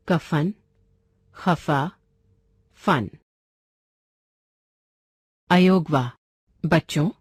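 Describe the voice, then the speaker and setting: Female teacher, dry close recording, deliberate grammar lesson, very slow delivery. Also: fairly low pitch, darkish tone, slightly rough, no room sound. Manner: slow, deliberate spelling out of letters and examples.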